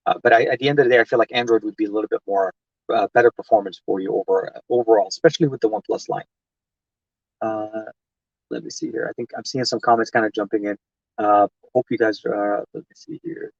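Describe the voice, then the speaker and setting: A man's voice: fairly low pitch, fast, creaky, darkish tone, no echo, lo-fi sound. A man from Lebanon hosting a casual tech live stream from inside a parked car, rambling and chatty with lots of fillers as he answers viewer comments.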